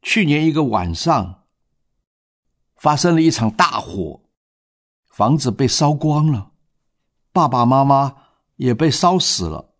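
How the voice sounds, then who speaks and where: A man voicing a frightened nine-year-old boy who answers quietly and tearfully, in slow storytelling speech. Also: mid-range voice, very animated. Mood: sad.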